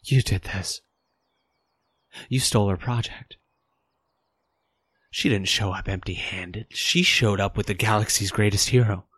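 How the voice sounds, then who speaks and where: An actor playing a haunted, hard-boiled detective with terse, clipped noir phrasing in an audio drama. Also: male voice, fairly low pitch, a little slow, long pauses, fairly bright tone, breathy edge, no room sound. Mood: bitter anger. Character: Juno Steel, haunted hard-boiled detective reliving childhood memories.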